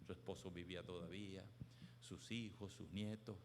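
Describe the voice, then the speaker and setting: A man preaching a sermon as pastor, telling stories with emphatic swings between hushed and loud delivery. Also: low voice, fairly even intonation, moderate pace, slight background noise.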